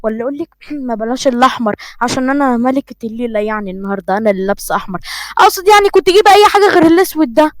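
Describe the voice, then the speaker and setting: A woman's voice: on the high side, animated, racing, no room sound, close to an everyday voice. A woman voicing a fiery young bride-to-be with an Egyptian accent, snapping and scolding in a flustered way. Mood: haughty. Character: fiery young bride-to-be, shy but proud.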